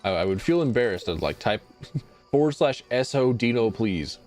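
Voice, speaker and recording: A man's voice: medium pitch, animated, moderate pace, darkish tone. A young man streaming live, chatting casually in a rambling, self-deprecating way and swearing freely. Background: faint music.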